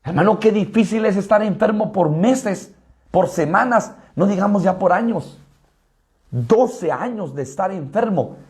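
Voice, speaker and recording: A man's voice: sits high, animated, measured pace, a little mellow. A male pastor with a Guatemalan accent preaching a sermon, emphatic and addressing the congregation directly. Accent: Guatemalan Spanish.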